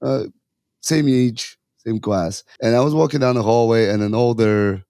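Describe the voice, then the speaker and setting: Warm and medium-pitched at a normal speed, this man's voice comes through clean studio sound with no room echo. He is a Russian youth hockey coach in his thirties, speaking earnestly in a casual interview in long stretches with many fillers and false starts.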